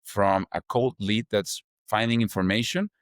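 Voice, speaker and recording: A young Chilean man, a startup founder guest, gives casual interview answers in accented English with a fairly low voice at a moderate pace. He's loose and chatty, stringing ideas together with "like" and "kind of" and leaning on fillers. The sound is close and dry, with no room around it.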